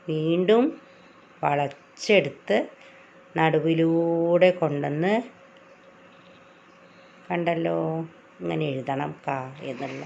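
Slow, gravelly-voiced woman teacher. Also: on the low side, darkish tone. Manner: patient, drawn-out step-by-step explaining. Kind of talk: children's reading lesson. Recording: lo-fi recording.

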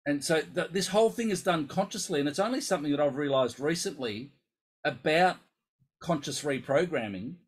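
A man coaching musicians through an emphatic, animated casual talk, often acting out inner voices. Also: a little high, moderate pace, husky, poor audio. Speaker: coach for musicians with focal dystonia.

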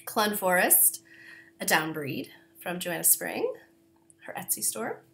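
A woman hosts a knitting podcast, talking casually to the camera with plenty of fillers. She coughs and clears her throat often, apologizing and poking fun at herself as she goes. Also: lowish voice, sing-song, slow, a bit bright, slight background noise. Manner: chatty, self-deprecating, apologetic, with many fillers. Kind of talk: casual chat.

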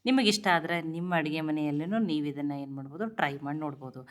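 A woman's voice: sits low, racing. A woman hosts a cooking channel from a home kitchen, showing kitchen tips and urging viewers to look and try them. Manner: instructive, keeps telling viewers to look and try.

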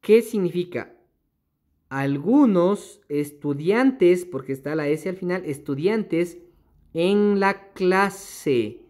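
A man teaching English to young children, reading slowly, repeating each point patiently and checking that they follow. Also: sits high, lively intonation, darkish tone. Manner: reads English slowly word by word, then translates. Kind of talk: explaining a primary school worksheet.

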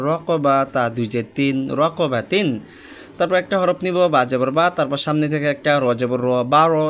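A man's voice: fairly high pitch, a bit bright. Patient man spelling syllables aloud. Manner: spells out letters slowly and repeats syllables, patient. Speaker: religious teacher. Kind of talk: step-by-step Quran reading lesson.

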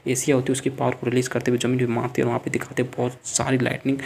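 Fast flat gravelly man recapping a story. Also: medium pitch, slight background noise. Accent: Indian Hindi. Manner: retells dialogue in plain narrator voice, quick and flat. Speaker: manga recap narrator.

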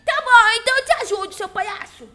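A woman's voice: very high voice, fast, pushed and bright. A woman voicing a cheeky, feisty little girl who hosts a children's Minecraft role-play, exclaiming in a childlike, bratty way. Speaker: host of children's gaming channel. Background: music.

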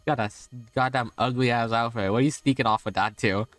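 A man's voice: mid-range voice, a little fast, fairly bright tone, slight background noise. A young man streaming a video game, commenting casually with lots of sarcasm, swearing and laughter. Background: faint game music.

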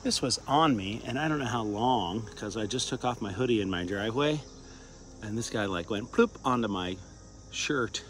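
Filming himself on a phone at arm's length, with wireless earbuds, this older Cincinnati, Ohio vlogger chats casually during an outdoor walk across a suburban campus. His lowish voice is animated and fairly bright, moving at a moderate pace, and his rambling talk is peppered with fillers and chuckles.

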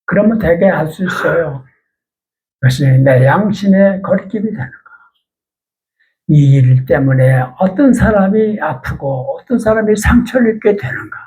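A man's voice: fairly high pitch, lively intonation, unhurried, a little mellow, low-quality recording. An older man preaching in a church, talking in a plain, conversational way and asking his listeners questions. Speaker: pastor. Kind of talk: sermon.

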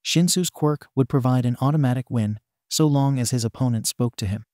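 A man narrating a fan fiction story aloud in a steady, even reading style. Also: mid-range voice, brisk, no echo, studio quality.

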